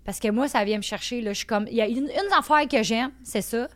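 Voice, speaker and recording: A woman's voice: fairly high pitch, quick pace. A woman in her thirties with a Québécois French accent, telling stories as a guest in a casual chat. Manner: animated, emphatic storyteller. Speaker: podcast guest.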